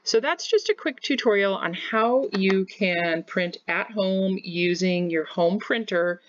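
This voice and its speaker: In a plain screen-share tutorial from home, a Kansas woman in her forties who teaches home bakery walks through each step, recorded by a webcam in the corner of the screen share. She takes it slowly in a mid-range voice, and the recording is dry and muffled.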